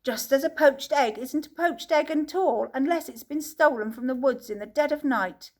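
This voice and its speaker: A woman voicing an eccentric, excitable old male chocolate maker in an audiobook reading, gleefully rhyming and shouting orders. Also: high voice, normal speed, voice pushed up, natural voice. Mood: matter-of-fact.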